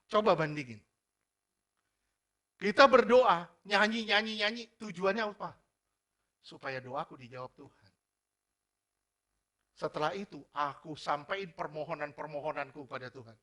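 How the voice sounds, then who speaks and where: A man preaching a sermon as pastor, energetic, firing rhetorical questions at the congregation and mixing formal preaching with casual slang. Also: a little high, moderate pace, pauses often.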